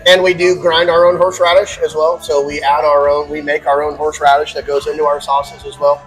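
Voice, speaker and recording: A man's voice: a little high, flat delivery, fairly quick, fairly bright tone, soft background music. A man who owns a barbecue restaurant, chatting casually and laughing often while eating. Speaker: restaurant owner.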